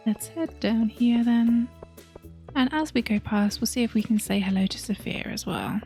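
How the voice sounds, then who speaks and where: A woman hosting a let's play, chatting casually through her game and sometimes dropping into soft whispered asides. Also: on the high side, normal speed, soft background music.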